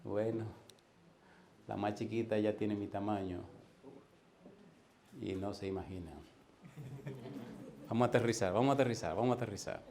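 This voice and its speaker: A man in his fifties preaching a sermon as a pastor, in a lively way that keeps putting questions to the congregation. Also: on the low side, moderate pace, creaky, long pauses.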